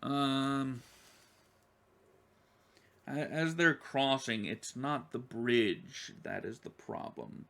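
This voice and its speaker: A man narrating a tabletop game as game master, rambling and correcting himself as he goes. His voice is gravelly and bright, and he talks slowly. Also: medium pitch. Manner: rambling, with many ums and self-corrections.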